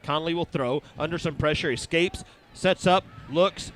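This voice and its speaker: Recorded in an open-air stadium, this announcer briskly narrates each snap of a high school football game and drops in sponsor reads. The tone is fairly bright, and there's a little hiss or hum underneath.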